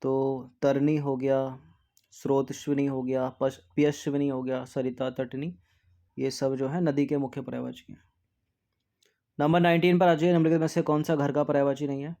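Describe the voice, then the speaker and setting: Teacher drilling spelling, dark voice. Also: male voice, little pitch movement, moderate pace. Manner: repeats words to drill spelling; drops to a soft low aside after answers. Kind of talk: exam practice lesson.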